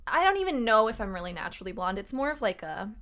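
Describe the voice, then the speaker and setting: A woman's voice: a little high, very animated, a little fast, a bit bright. Tired-voiced young woman chatting on a stream. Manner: rambling, chatty, greets viewers, laughs often. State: tired, slightly rough voice. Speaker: livestream host and tarot reader. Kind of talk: casual livestream chat.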